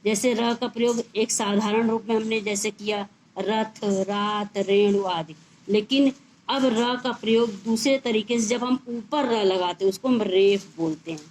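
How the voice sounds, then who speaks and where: A woman's voice: fairly high pitch, a little mellow, a little hiss or hum, poor audio. A woman teaching a school grammar lesson, spelling out each word sound by sound. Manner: slow, spells out words letter by letter.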